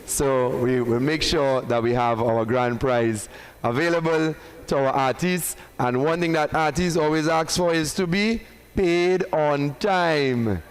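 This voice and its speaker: A man's voice: on the high side, a little slow, clear, resonant tone, low-quality recording. A man with a Trinidadian accent presenting at a press conference. He is a performing artist who builds up each reveal with emphasis and banters with the room.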